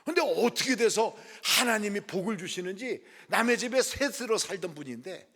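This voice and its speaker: A middle-aged male pastor preaching a sermon, telling a story with lively delivery and acting out the people in it. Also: high-pitched, moderate pace. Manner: lively storytelling, acts out quoted voices softly. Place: prayer house worship hall. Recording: long hall reverb.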